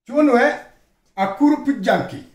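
A man with a high, lively voice leads a slow language lesson. He repeats each word and spells it out carefully, and the room around him gives off a clear echo. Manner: repeats words slowly, spells them out. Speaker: language teacher.

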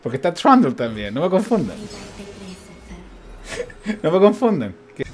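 Chilean man streaming a card game, chuckling, counting out loud, slightly high voice, faint hiss. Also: sing-song, moderate pace. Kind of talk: casual gameplay commentary.

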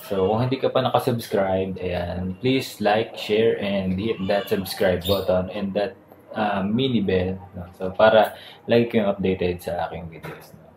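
A man with a Filipino accent and a low, fairly even voice hosts his motovlog channel, giving a casual product rundown at a measured pace. He speaks conversationally with frequent little tag words. The recording has a roomy echo and clear background noise.

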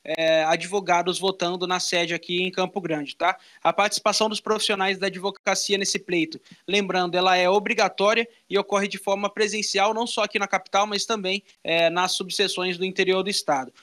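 A man's voice: high voice, fairly even intonation, fairly quick, few pauses, pushed and bright. A young man with a Brazilian Portuguese accent giving a live news report from a small studio into a handheld microphone, conversational and informative. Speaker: radio reporter. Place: small radio studio with meeting table.

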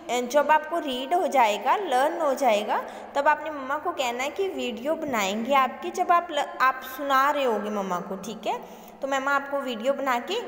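A woman's voice: high-pitched, fairly bright tone, roomy sound, long reverb tail. A woman kindergarten teacher giving a phonics lesson to young children, repeating letter sounds and words in a patient drill. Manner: drills letter sounds with repetition, addresses kids as beta.

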